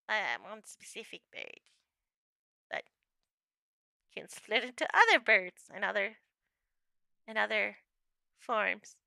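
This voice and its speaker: A woman's voice: mid-range voice, very animated, takes it slowly, gravelly, long pauses, bright, forceful tone, no echo, clean studio sound. A young adult woman chatting casually with viewers on her livestream, playful and laughing often.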